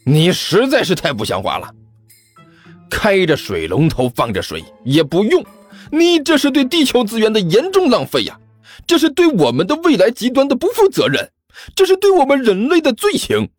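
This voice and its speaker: A man voicing a cowardly young martial brother who fakes grand indignation and stammers out flattery and excuses, in an audiobook. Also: sits high, moderate pace, no room sound, faint music behind, voice pushed up, exaggerated voice. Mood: blustering. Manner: over-the-top mock indignation, nervous stammering and flattery. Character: cowardly, fawning young male senior martial brother, full of glib excuses. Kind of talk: audiobook character voice.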